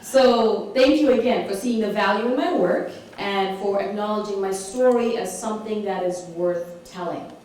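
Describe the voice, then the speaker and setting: A woman's voice: medium pitch, normal speed, hardly any pauses, darkish tone, far from the mic, slight background noise. A woman from Malawi giving an author talk to an audience, engaging them with questions and laughing often. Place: community hall. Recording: echoey hall recorded from afar.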